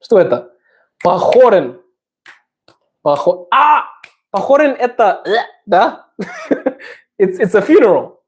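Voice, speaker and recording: A woman live-streamer, a native English speaker with an English-speaking accent in Russian, chats casually and playfully with viewers, sounding out Russian words haltingly and slipping into English. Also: mid-range voice, very animated. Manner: playful, self-deprecating.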